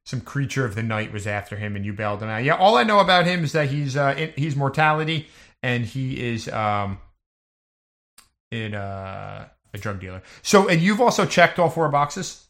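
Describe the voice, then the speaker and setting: A man's voice: medium pitch, big pitch swings, normal speed, a bit bright. A man running a tabletop game as game master, narrating scenes in a casual, loosely improvised, conversational way.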